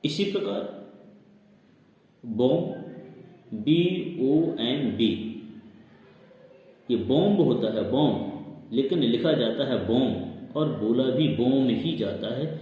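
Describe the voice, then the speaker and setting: A man's voice: medium pitch, expressive, takes it slowly, long pauses, mellow. A man teaching a lesson to children, spelling out words letter by letter. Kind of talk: classroom lesson on silent letters. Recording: very echoey long-reverb room.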